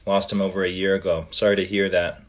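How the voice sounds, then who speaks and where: Reading fan comments on his laid-back livestream, this host's voice sits low, and he leans on lots of ums and lets his sentences trail into pauses. He is from Canada and grew up speaking Italian.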